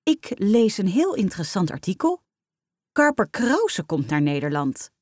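A woman's voice: mid-range voice, very animated, unhurried, darkish tone, no echo, clean studio sound. A woman voicing a theatrical, starstruck mother who draws out her words in swooning emphasis. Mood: gushing. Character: gushing middle-aged mother, starstruck and theatrical.

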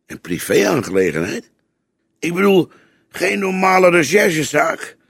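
A man's voice: high-pitched, very animated, unhurried, vocal fry, fairly bright tone, slightly rough, no echo, clean studio sound, voice pushed up, exaggerated voice. A man voicing a young male police detective who keeps questioning and protesting in a raised voice. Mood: incredulous.

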